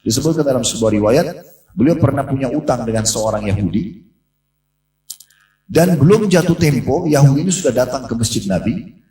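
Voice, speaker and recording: A man delivers a sermon at a brisk, rapid clip, acting out the voices in his story. He sits back from the microphone, so his voice carries with a roomy echo through the mosque. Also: mid-range voice, warm tone. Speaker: preacher. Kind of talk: sermon to a congregation. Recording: echoey room from a distance.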